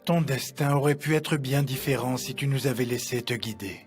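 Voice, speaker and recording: An actor in a dubbed telenovela playing a compassionate older priest who speaks earnestly and solemnly. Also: male voice, mid-range voice, moderate pace, lightly acted. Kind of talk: dubbed telenovela drama acting. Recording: soft music behind.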